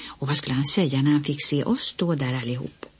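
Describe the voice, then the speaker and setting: Husky-voiced woman reading a children's story. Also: extremely low pitch. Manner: gentle, storytelling. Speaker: audiobook reader.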